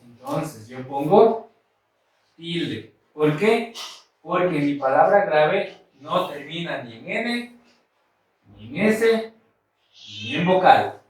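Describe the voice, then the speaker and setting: A man teaching a grammar lesson at a board, speaking slowly and deliberately and repeating the key points. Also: a little high, lively intonation. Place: room with a board. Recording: echoey room, mic far off.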